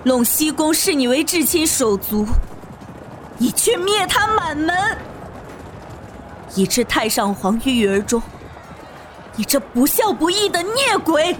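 A shrill, unhinged woman who has come for revenge, as a male storyteller puts her on, her voice leaping high and wild. She sneers and cackles in a slow, mocking drawl, like an audiobook villainess out of a wuxia tale. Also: big pitch swings, soft background music, exaggerated voice. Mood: accusing shrill. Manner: shrill, mocking, manic laughter. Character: vengeful, cackling middle-aged female wet nurse. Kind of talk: audiobook character voice.

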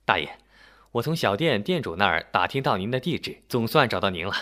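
A man's voice: on the low side, big pitch swings, fairly quick, bright, forceful tone. A man voicing a busy young man who explains things in a matter-of-fact way. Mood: explaining.

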